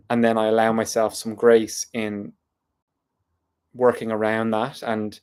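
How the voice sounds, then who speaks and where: An Irish man vlogs an unscripted, reflective monologue, wandering thoughtfully from point to point. His voice is on the low side, a little mellow, with a clean tone.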